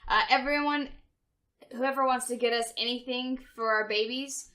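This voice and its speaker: A woman's voice: fairly high pitch, steady tone, normal speed, bright, forceful tone. A young woman chatting casually as a co-host, pronouncing her R's like W's. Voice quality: says w for r, can't pronounce R well. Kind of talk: casual chat.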